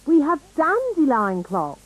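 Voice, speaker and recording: Bossy British fairy nanny, swooping voice. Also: female voice, high-pitched, wildly swooping pitch, unhurried, muffled recording, heavily acted. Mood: brisk, knowing. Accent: British English. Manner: haughty, exclamatory, theatrical. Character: bossy, brisk fairy nanny, adult woman. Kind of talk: children's cartoon voice acting.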